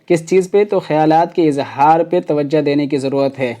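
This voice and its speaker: Leading an exam prep lecture, a man explains things step by step, hesitating often and using many fillers. His voice is fairly high and warm.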